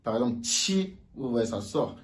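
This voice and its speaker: A man giving a casual video lesson, slowly repeating sounds for learners to copy. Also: mid-range voice, expressive. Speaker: language teacher.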